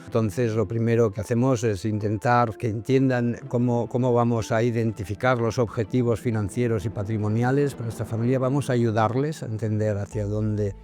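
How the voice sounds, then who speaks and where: A man's voice: medium pitch, dark tone. A man speaking as a private bank executive in a corporate interview, thoughtful and hesitant with many fillers.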